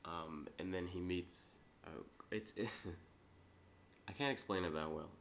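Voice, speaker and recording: A young man who is sick with a stuffy nose, giving a low-key, hesitant, rambling vlog update into a webcam. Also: slow pace, creaky, fairly bright tone, slight background noise. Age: young adult. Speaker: vlogger and amateur filmmaker. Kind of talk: casual, unscripted update vlog. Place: small room indoors. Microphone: webcam or laptop mic at arm's length.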